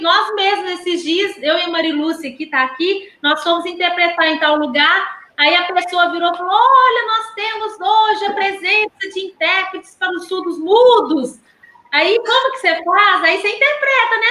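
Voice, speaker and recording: A woman's voice: very high voice, reverberant. A woman teacher and sign language interpreter with a Minas Gerais Brazilian Portuguese accent, telling classroom stories in a casual live talk and acting out the voices of the people she quotes. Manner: animated storyteller, acts out quoted voices, laughs often.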